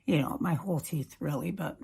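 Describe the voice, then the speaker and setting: Husky woman with a slight lisp. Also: sits low, brisk, a little mellow. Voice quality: slight lisp from new veneers. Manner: pleased, informal, reassuring. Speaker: product reviewer. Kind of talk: casual chat to camera.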